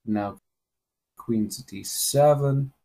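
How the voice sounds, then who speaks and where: A man's voice: mid-range voice, slow pace, gravelly, mellow. Man commentating live on chess.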